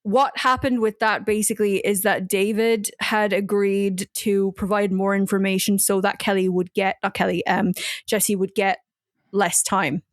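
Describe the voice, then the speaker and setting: A woman's voice: medium pitch, flat delivery, normal speed, no echo, clean studio sound. A woman hosting a casual true-crime podcast, recounting the case in a chatty, blunt way with fillers. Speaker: podcast host.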